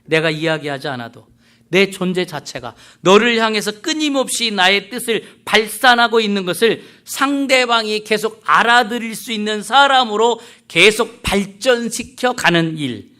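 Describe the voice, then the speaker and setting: A middle-aged man preaching a sermon as pastor, earnest and conversational, with soft asides. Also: high voice, moderate pace.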